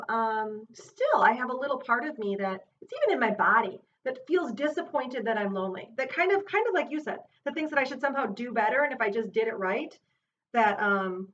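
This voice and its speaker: A woman teaching self-compassion, guiding an exercise in a gentle, unhurried way and thinking aloud with fillers and restarts. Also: on the high side. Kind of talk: guided exercise with her child. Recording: distant, muffled mic with faint hiss.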